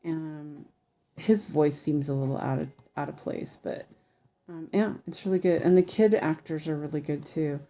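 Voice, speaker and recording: A woman's voice: low-pitched, steady tone, normal speed, mellow. A woman with a lisp that slurs her s sounds toward sh, chatting casually and thinking aloud as she hosts a craft livestream. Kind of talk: casual livestream chat while stitching.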